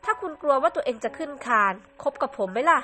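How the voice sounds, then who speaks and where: A woman's voice: sits high, animated, fast, bright, forceful tone. A woman voicing a stern older male judge who talks bluntly and teases, in a Sims storybook drama.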